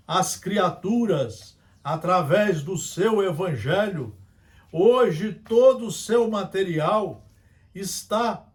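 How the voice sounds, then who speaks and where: A man delivering a slow, deliberate spiritist sermon, stretching key words. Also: high voice. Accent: Brazilian Portuguese. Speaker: spiritist speaker.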